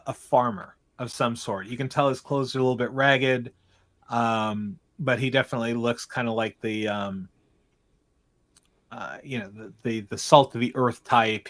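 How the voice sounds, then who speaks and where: Man, mid pitch, game master, narrating a tabletop game, halting, lots of ums. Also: fairly bright tone. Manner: halting, full of ums and uhs.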